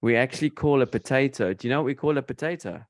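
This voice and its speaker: A man's voice: medium pitch, lively intonation, quick pace. A man with a South African English accent hosting a casual interview, playfully teaching slang. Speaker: host.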